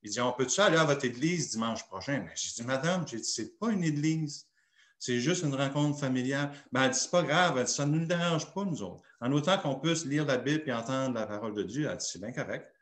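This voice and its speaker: A man's voice: mid-range voice, animated, a little fast, a bit bright, roomy sound. A man with a Québécois French accent, a pastor telling a personal story in a sermon and acting out the dialogue. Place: church.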